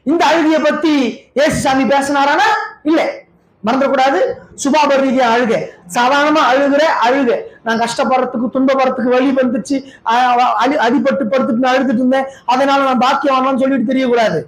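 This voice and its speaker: A male pastor preaching a sermon with a Tamil Nadu accent. He swings between loud shouted passages and low, intense stretches, and he keeps asking rhetorical questions. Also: steady tone, a little fast, roomy sound, poor audio. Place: church hall. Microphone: handheld or stand microphone.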